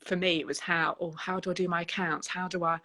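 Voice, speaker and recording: A middle-aged woman, a guest on a casual video-call chat, speaking softly, trailing off and filling with "you know". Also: fairly low pitch, little pitch movement, fast talker. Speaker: guest, wedding business owner. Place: room at home, indoors. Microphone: laptop webcam on a video call.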